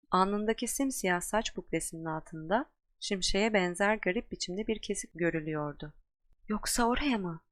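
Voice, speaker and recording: A woman with a fairly low voice reads a storybook aloud, steady and measured. The recording is dry and close, with no room sound. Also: dry recording. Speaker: audiobook narrator. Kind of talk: scripted narration.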